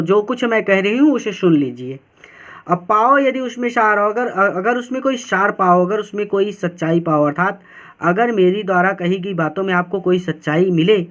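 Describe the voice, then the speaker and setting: Guy with a high voice going over a poem line by line for exam kids, repeats everything, bit muffled lo-fi sound. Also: a bit bright. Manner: repeats and paraphrases each phrase, checks in with "theek hai". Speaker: Hindi teacher.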